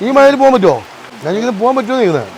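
A male vlogger with a north Kerala Malayalam accent talks in a high register at a rapid clip. His delivery is colloquial and chatty, sprinkled with English slang, as he addresses viewers and puts questions to locals. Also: very animated, a little mellow, poor audio. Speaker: vlogger, host. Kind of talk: casual excited vlog chat with questions to locals. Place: outdoors by a river and in a boat.

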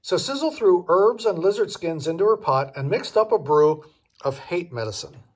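With a husky voice that runs fairly high for a man, an older gentleman reads a children's story aloud at a moderate pace. He's highly animated, evoking a grandfather at storytime.

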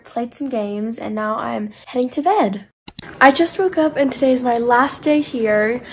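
A woman's voice: high-pitched, slight background noise. A teenage girl narrating a casual travel vlog, upbeat as she talks through her day's plans into a phone held at arm's length. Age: teens. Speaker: vlogger. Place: indoor rooms of a condo and a car.

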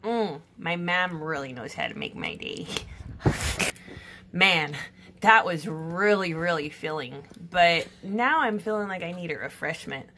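Woman, comedic art vlog, playful, jokey, addresses viewers, slow delivery, lowish voice. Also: animated, background noise. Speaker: art vlogger.

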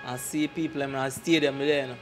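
Quick-paced and steady in tone, a mid-range male voice with a Jamaican accent tells touring stories as a dancer being interviewed. He speaks casually and emphatically in patois into a handheld microphone, often checking the listener follows. Soft background music plays, and background noise and ambience are clear.

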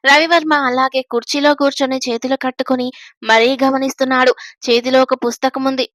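High-voiced woman reading a serial story aloud. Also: dry recording. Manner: gentle, expressive storytelling.

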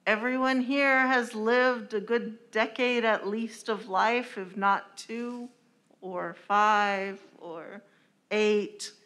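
Slow-paced woman speaking through a face mask. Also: a little high, steady tone, fairly bright tone. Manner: deliberate, measured phrasing. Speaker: panel speaker, scholar. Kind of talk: reflective panel discussion. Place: large event room, indoors. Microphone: microphone on a table stand.

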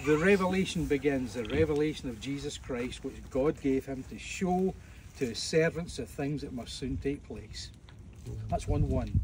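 Standing outdoors among ancient ruins, a man from Scotland gives a conversational sermon to tourists, full of humor and fillers. He speaks at medium pitch with an animated delivery and moderate pace, recorded from afar with slight ambient noise.

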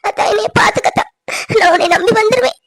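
A woman voicing a tender, lonely young village woman in a cartoon, speaking softly and pleadingly. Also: high-pitched, lively intonation, fairly quick, no echo. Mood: tearful. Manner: soft, pleading, tearful. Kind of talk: cartoon voice acting.

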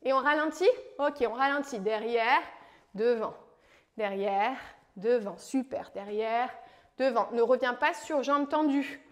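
A high-voiced woman from France leads a home leg workout as a fitness coach. She calls out moves, counts down reps and keeps the session light with playful encouragement. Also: measured pace. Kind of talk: guided home workout instruction.

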